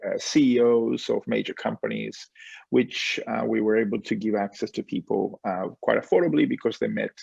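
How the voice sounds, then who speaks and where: A man in his forties from Spain, telling his story as a guest on a video call, relaxed and full of fillers and small laughs. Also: lowish voice, gravelly, husky, no echo, muffled recording. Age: 40s. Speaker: guest, company founder. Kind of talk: casual interview on a call.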